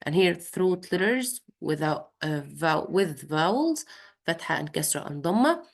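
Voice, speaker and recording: Female Quran tutor, low gravelly tone, patient, slow explaining lesson. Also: very animated. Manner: demonstrates Arabic throat sounds. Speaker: Quran recitation teacher. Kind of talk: recorded revision lesson for a student.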